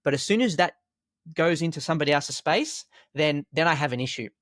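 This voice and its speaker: Male teacher and martial arts instructor, slightly high voice, calm storyteller with rhetorical questions, dry close recording. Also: a little fast, no room sound. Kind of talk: conversational podcast explanation.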